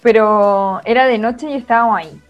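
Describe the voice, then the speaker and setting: A woman's voice: a little high, normal speed, highs cut off, soft background music. A young woman with a Chilean accent, a former missionary, chatting casually and using local slang. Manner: chatty, laughs between phrases, uses slang. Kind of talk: casual chat, telling a story.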